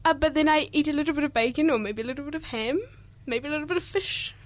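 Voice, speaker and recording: A woman's voice: sits high, fast, no room sound. A young woman with a New Zealand accent, co-hosting a youth radio show in bubbly, giggly casual chat. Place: radio studio.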